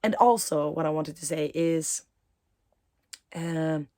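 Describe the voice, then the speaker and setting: Speaking to camera in a reflective way, this spiritual teacher and mindset coach pauses frequently with gentle fillers. Her voice sits low.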